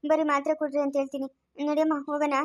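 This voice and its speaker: A woman playing a worried mother, scolding and coaxing in a quick, high voice. The sound is dry and close, with no room echo. She performs in an amateur family drama. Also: little pitch movement. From Karnataka, India. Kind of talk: family moral drama acting.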